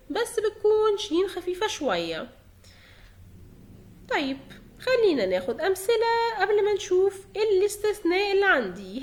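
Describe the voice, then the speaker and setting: A young woman with an Egyptian Arabic accent teaching German pronunciation, patiently repeating each example word slowly. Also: very high-pitched, a bit bright. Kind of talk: explanatory lesson in Egyptian Arabic.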